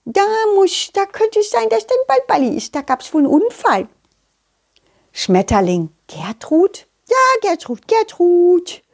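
A woman voicing an excitable, chatty male butterfly in a children's story who repeats his words in giddy bursts. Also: extremely high pitch, unhurried, voice pushed up, full character voice. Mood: eager.

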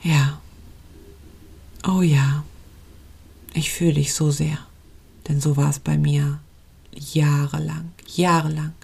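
A woman's voice: low voice, level tone, takes it slowly, gravelly, long pauses, a little mellow, slightly rough. A woman coaching on intuitive eating in a podcast monologue, earnest and pleading as she speaks straight to the listener.

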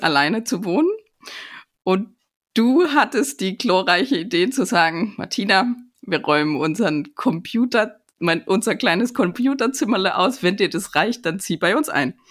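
A woman's voice: medium pitch, a bit bright. A woman, hosting a casual podcast interview and chatting in a storytelling way. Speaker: podcast host.

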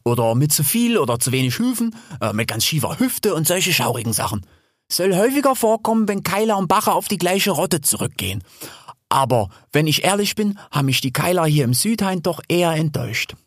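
A man's voice: a little high, big pitch swings, fairly quick, no echo, studio quality, voice pushed up. A man voicing a young female wild sow in a storybook reading, chatty and teasing.

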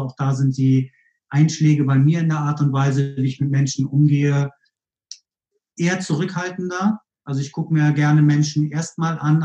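A man from northern Germany, a podcast guest, speaking in a calm, measured way with dry humor. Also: on the high side, roomy sound, highs cut off. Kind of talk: casual interview talk.

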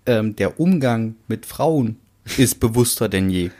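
A man's voice: fairly low pitch, animated, unhurried, dark tone. A man from Germany co-hosting a podcast, casually pressing his point with probing questions. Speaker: podcast co-host. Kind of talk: casual debate chat.

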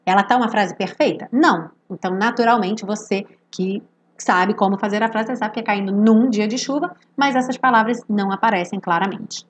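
A Brazilian woman teaching English pronunciation through song lyrics, explaining quickly and then singing lines slowly. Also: medium pitch.

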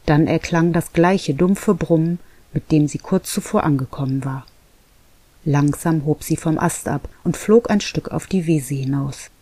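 A narrator reading a children's animal story aloud in a calm, even manner. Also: medium pitch, unhurried, no room sound. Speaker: audiobook narrator. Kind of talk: scripted narration.

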